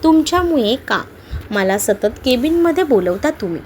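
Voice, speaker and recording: A woman's voice: high voice, sing-song, normal speed, darkish tone, a little hiss or hum. A woman voicing a moody, stubborn young wife in a read-aloud audio story, irritable and close to tears. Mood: tearful. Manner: sulky, irritable, tearful.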